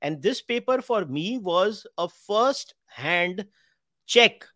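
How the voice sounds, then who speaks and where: Male podcast host, higher-pitched voice, dry close sound, emphatic, candid, code-switching into Hindi. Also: animated, slow, fairly bright tone, dry recording. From India. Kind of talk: conversational interview talk.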